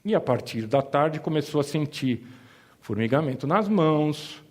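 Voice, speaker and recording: Giving a talk to an audience, a middle-aged insurance advisor from Brazil recounts a family story with humorous asides, his São Paulo Mooca accent carrying Italian influence. His voice is fairly high and a little mellow, with lively intonation at a moderate pace.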